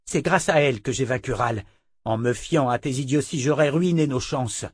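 A man's voice: medium pitch, moderate pace, no room sound, clean studio sound, voice pushed up, natural voice. Man reading a defiant young seeker. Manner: defiant, pleading. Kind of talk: audiobook character voice.

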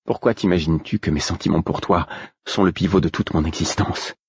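A man's voice: sits low, fairly quick, slightly rough, no room sound, full character voice. A man reading an audiobook, voicing a proud young woman who answers in curt, cutting replies. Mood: cold. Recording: dull, dry recording.

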